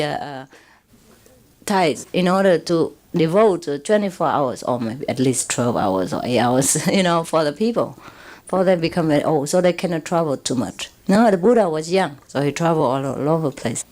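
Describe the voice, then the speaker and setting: This Vietnamese-accented spiritual teacher has a lowish, somewhat dark voice. Her informal lecture drifts loosely, and she keeps checking with listeners through "you know" and "huh?" while chuckling often.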